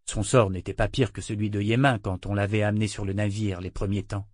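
A man narrating a novel in a measured, even storytelling voice. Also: fairly low pitch, no echo, clean studio sound. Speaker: audiobook narrator. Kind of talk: scripted narration.

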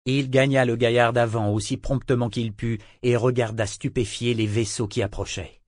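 A man reads a novel aloud with a measured, even delivery. His voice sits in a middle register and the recording is dry and close, with no room sound. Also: medium pitch, dry recording. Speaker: audiobook narrator. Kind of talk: scripted narration with character voices.

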